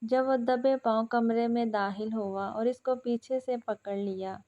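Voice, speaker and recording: A woman reads a romantic novel aloud as storybook narration, steady and dramatic. Her voice sits slightly high. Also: muffled recording.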